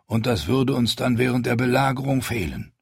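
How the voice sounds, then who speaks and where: A proud, stubborn young queen, voiced by a male audiobook reader, giving orders in a raised, clipped tone. The husky edge of the reader's voice stays in the lifted pitch. The recording is dry and close. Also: expressive, normal speed, no room sound. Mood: resolute. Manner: raised pitch, firm commanding delivery. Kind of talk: audiobook character voice.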